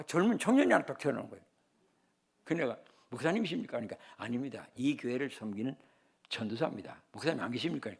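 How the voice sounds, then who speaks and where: An older man from the Chungcheong region, a senior pastor, preaching a sermon in an animated way and telling humorous personal stories. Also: a little high, vocal fry, slightly rough. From Chungcheong, South Korea.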